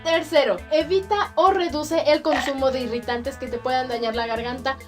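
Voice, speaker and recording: A woman with a Mexican accent giving an acting lesson on the voice. She speaks expressively and counts off her points with clear diction. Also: high voice, steady tone, normal speed, soft background music. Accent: Mexican Spanish. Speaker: acting voice instructor. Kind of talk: explanatory lesson to camera.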